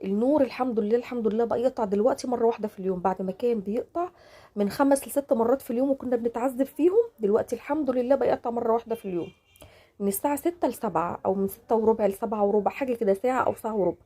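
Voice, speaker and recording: A woman's voice: on the high side, very fast, dark tone. A woman in her forties with an Egyptian accent, chatting to her channel from home, emotional and devout, full of religious phrases and oaths. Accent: Egyptian Arabic. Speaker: vlogger. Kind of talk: casual chat to camera. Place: home, during a power cut.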